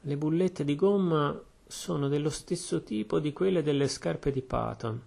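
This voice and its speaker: A man voicing a shrewd, calm Belgian detective who speaks in a measured, deliberate way. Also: fairly high pitch, creaky, husky, voice pushed up, full character voice. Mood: calm, probing.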